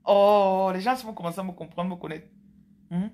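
A woman's voice: mid-range voice, fairly even intonation, normal speed, darkish tone. A woman, talking playfully and chattily to her viewers as a spiritual coach. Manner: playful, chatty, teasing asides. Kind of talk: casual monologue to viewers.

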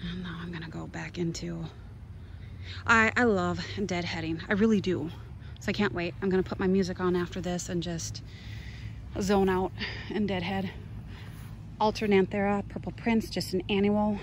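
With a fairly low pitch, steady tone, moderate pace and long pauses, a gardening vlogger from Minnesota, United States, casually tours her outdoor garden off the cuff, meandering between exclamatory asides. The recording is a noisy handheld one made outside, with clear ambient sounds.

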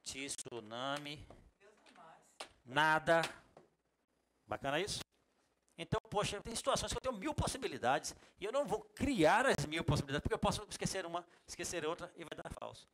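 A man with a Bahian Brazilian accent teaching a computer class in a classroom, lively and jokey, talking straight to his students. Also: on the high side, normal speed, a little hiss or hum. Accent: Bahian Brazilian Portuguese. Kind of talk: classroom lecture.

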